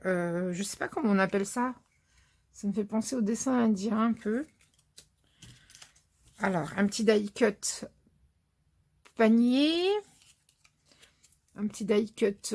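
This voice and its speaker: A woman's voice: medium pitch, vocal fry, a little mellow. A woman from France chatting casually through a scrapbooking haul, narrating items with many fillers as she thinks aloud. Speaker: scrapbooking vlogger.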